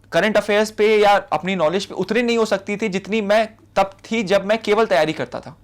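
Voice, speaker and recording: A young man with a fairly high voice talks candidates through his advice in an earnest, steady way. He slips English words into his Hindi and pauses with fillers as he thinks. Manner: restarts and fillers while thinking. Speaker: civil services topper giving advice. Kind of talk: advice talk to exam candidates.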